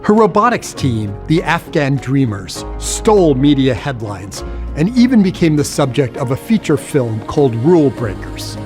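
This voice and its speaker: A man hosting an award gala and narrating its tribute video in a measured, formal scripted delivery. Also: mid-range voice, sing-song, over music. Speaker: host and narrator.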